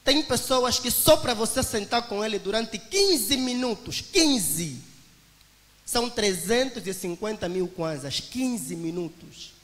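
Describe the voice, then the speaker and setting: A young man in his twenties with an Angolan Portuguese accent gives an emphatic, preacher-like motivational testimony to a church congregation, calling listeners his brothers. His very high-pitched voice has a sharp tone, trailed by a long reverb tail.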